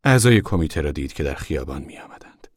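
A man narrating a novel as an audiobook, in measured storytelling. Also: rumbling low, sing-song, no room sound, clean studio sound. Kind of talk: scripted narration.

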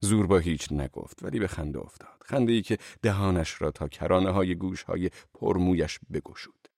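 A man narrating an audiobook in the first person, measured and calm. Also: deep voice, creaky, no room sound, studio quality.

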